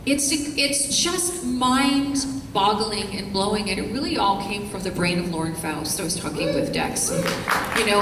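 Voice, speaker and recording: A middle-aged woman answering a fan question on a convention panel, gushing and animated. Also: mid-range voice. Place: large convention hall. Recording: echoey hall, distant mic, noisy.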